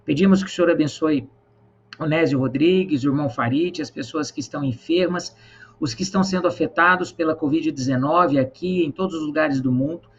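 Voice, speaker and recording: A man hosting an online church program, praying and greeting viewers in an earnest, measured way with many pauses. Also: fairly high pitch, muffled recording, a little hiss or hum. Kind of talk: prayer and live-stream hosting.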